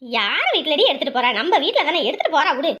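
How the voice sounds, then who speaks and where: Woman voicing a squeaky cartoon mother. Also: fast talker, exaggerated voice. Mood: placating. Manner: calm, placating scolding. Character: easygoing middle-aged mother, indulgent to her daughters. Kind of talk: cartoon voice acting.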